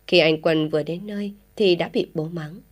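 Woman narrating a story, lowish voice. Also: moderate pace. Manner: steady storytelling reading. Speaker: audiobook narrator.

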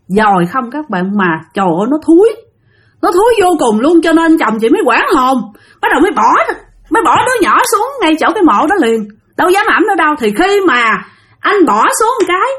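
A woman's voice: fairly high pitch, fairly bright tone. A woman with a Southern Vietnamese accent narrating a ghost story dramatically, speaking directly to her listeners.

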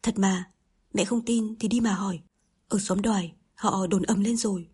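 A soft-spoken young sister, read by a woman narrator. The voice is very breathy and mellow. It sounds like a storybook reading. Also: mid-range voice, steady tone, normal speed. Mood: urgent. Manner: soft, soothing.

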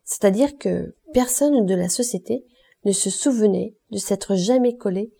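A woman reading a classic novel aloud as an audiobook, in a steady, expressive manner. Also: mid-range voice, a little slow, creaky, slightly rough. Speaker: audiobook reader.

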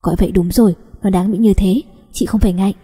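A woman's voice: mid-range voice, steady tone, quick pace, warm tone, slightly rough, big-room sound, natural voice. A coaxing young cousin, as a woman reader voices him. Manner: coaxing, tender and scolding.

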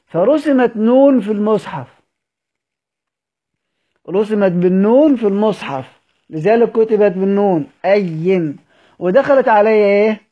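A man's voice: high-pitched, animated, normal speed, long pauses. A man with an Egyptian accent teaching a study circle, quizzing his students and answering his own questions. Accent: Egyptian Arabic. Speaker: Quran recitation teacher. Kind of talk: recorded study-circle lesson. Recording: dull lo-fi audio recording.

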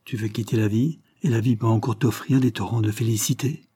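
A man's voice: fairly low pitch, steady tone, brisk, dark tone, husky. A man reading aloud, voicing an ardent young general who speaks with urgent passion. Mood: incredulous. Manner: urgent, impassioned, commanding.

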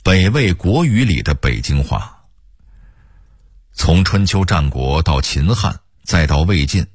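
A man's voice: very deep voice, breathy edge, no room sound, clean studio sound. A middle-aged man with a Beijing accent narrating local history on radio in a leisurely, chatty way. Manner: leisurely, chatty, addresses listeners as 您. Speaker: radio storyteller.

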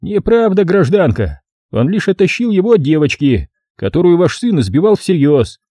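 A man's voice: sits high, sing-song, normal speed, mellow, no echo, clean studio sound, pitched above the performer's own voice. A man voicing a young police sergeant who speaks firmly and officially. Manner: official, firm.

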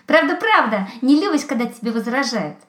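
A woman's voice: high-pitched, big pitch swings, fairly quick, a bit bright. A woman voicing a blunt, cheeky hare in a storybook, in an echoey room.

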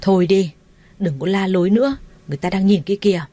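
Brief: woman narrator doing a stern, commanding father, low voice, story reading. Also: a little fast, a little mellow, no room sound, close to an everyday voice. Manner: stern, scolding.

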